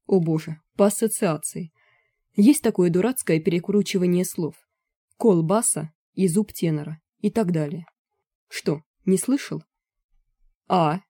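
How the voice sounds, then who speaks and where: A woman's voice: lowish voice, a little slow, warm tone, no room sound, clean studio sound. A woman voicing a small, flustered man who whines and protests in exasperation. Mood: explaining. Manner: whining, exasperated.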